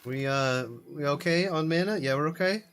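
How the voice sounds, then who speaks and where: Guy streaming an mmo, kinda high-pitched, rambly, keeps laughing. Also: normal speed, fairly bright tone, smooth. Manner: laughs often, chatty and rambling. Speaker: game streamer. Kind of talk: casual live gameplay commentary.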